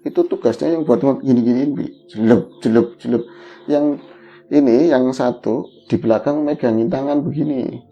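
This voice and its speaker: A middle-aged Javanese-accented man tells his story casually. His voice is gravelly and very dark, and it jumps upward when the tension builds. The audio is dull and lo-fi, with a faint hiss behind it. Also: moderate pace. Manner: animated, pitch jumping up in tense moments. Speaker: guest telling his story.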